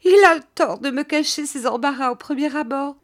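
A woman reading an audiobook, voicing a distraught, devoted middle-aged wife who declaims in a high, tearful voice. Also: very animated, a little slow, darkish tone. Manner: declaiming, rising to cries.

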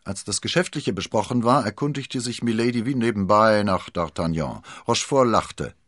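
A man narrating a storybook with expressive, dramatic delivery and a husky voice. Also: fairly low pitch, normal speed, no room sound, clean studio sound.

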